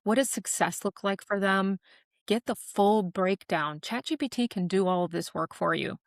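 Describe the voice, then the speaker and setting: A woman podcast guest talking casually, explaining ideas with quick made-up examples. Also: medium pitch, no room sound, clean studio sound. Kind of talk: casual interview talk.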